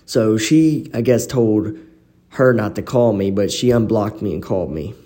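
A man with a lowish, very mellow voice tells personal stories as a podcast host. His talk is informal and slangy. He records on a phone in an apartment living room, so the room's reverb echoes around his words. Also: a little slow. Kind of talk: casual personal storytelling.

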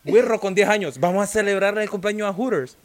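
A man's voice: high-pitched, fast talker. A man co-hosting a podcast, giving mock-serious advice in casual chat. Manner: animated, mock-earnest, mixes in English slang. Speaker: podcast co-host.

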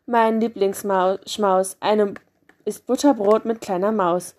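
A woman voicing a big picture-book monster, hungry and easily fooled. The delivery is slow and heavy, close to her own reading voice. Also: medium pitch, steady tone, darkish tone, close to an everyday voice. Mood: menacing.

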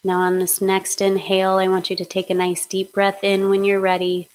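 A woman leading a guided hypnosis meditation in a slow, soothing, steady way. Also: medium pitch. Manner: slow, soothing, monotone guidance.

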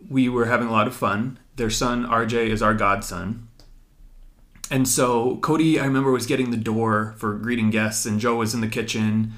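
A man's voice: mid-range voice, steady tone, moderate pace, fairly bright tone. Earnest young man recounting a story. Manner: earnest, reflective, with many fillers. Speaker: podcast host. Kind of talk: personal storytelling conversation.

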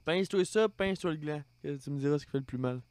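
A man's voice: on the high side, fast talker, a little mellow, no echo. A young man with a Quebec French accent in crude casual chat, laying out gruesome details in a matter-of-fact way.

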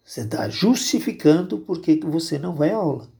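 Gravelly Brazilian teacher explaining grammar. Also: male voice, fairly high pitch, lively intonation, fairly quick, mellow. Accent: Brazilian Portuguese. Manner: patient and explanatory, repeating each rule. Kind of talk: spoken grammar lesson.

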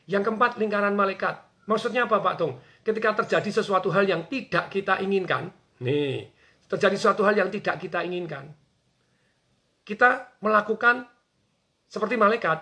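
Bright, high-voiced energetic man. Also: normal speed. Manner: energetic, acts out quoted bosses and workers. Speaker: business coach guest. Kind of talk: animated radio talk.

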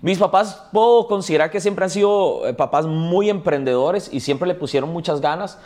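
A man's voice: fairly high pitch, animated, moderate pace, a little mellow. A man with a Costa Rican accent, a guest in a casual interview, telling his story in a chatty way with frequent tag questions. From Costa Rica.

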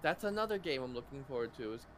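A man co-hosting a casual podcast with friends, throwing in quick jokes and interruptions. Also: medium pitch, sing-song, slight background noise. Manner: joking, interrupts with quips. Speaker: podcast co-host. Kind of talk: casual chat among friends.

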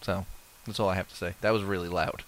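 A man's voice: low-pitched, steady tone, fast talker, very noisy. A man co-hosting a casual podcast, talking loosely with lots of fillers and the odd swear. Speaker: podcast co-host. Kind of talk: casual chat.

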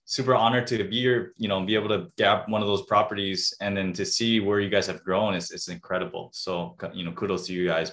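A man's voice: low voice, sharp tone. A man in his forties from Hawaii, a podcast guest talking about himself in an upbeat, enthusiastic way. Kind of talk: casual interview chat.

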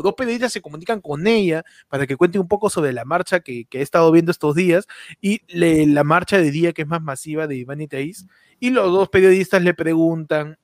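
A man's voice: on the high side, dry recording, clean studio sound. A man with a Peruvian accent hosting a casual comedic chat, joking and slangy as he reads listener messages. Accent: Peruvian Spanish.

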